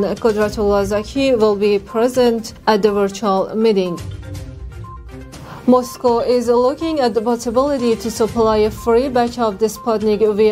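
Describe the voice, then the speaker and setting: A woman's voice: a little high, a little mellow. A young woman with an Afghan accent reads scripted news formally as a newscaster. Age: young adult.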